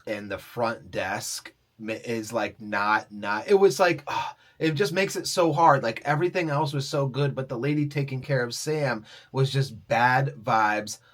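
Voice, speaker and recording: A man's voice: medium pitch, lively intonation, unhurried, hardly any pauses. A young adult man, a podcast co-host, chatting casually in a loose, rambling way and filling his talk with "like.". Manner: rambling, heavy use of "like". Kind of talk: casual chat.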